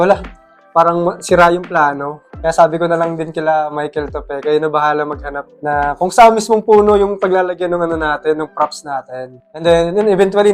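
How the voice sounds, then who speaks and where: Easygoing Filipino man telling his side. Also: a little high. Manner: relaxed, easygoing, with many filler pauses. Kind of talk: casual storytelling.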